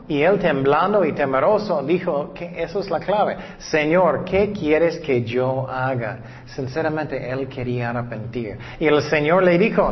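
Higher-voiced man preaching in a reverberant hall. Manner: hesitant, frequent fillers, slow deliberate scripture reading. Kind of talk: sermon with scripture reading. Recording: dull recording with long reverb.

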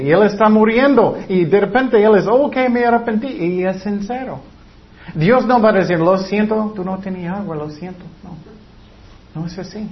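A man preaching a sermon in earnest, emphatic Spanish with some grammar slips, repeating his key points. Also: high voice. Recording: dull lo-fi recording.

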